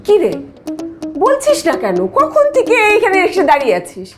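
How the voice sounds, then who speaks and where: Brief: a doting, fed-up mom, very high and lively, teasing. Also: female voice, moderate pace, music in the background, exaggerated voice. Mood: exasperated. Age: middle-aged. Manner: exasperated, teasing. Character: exasperated doting middle-aged mother. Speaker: mother. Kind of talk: TV drama acting.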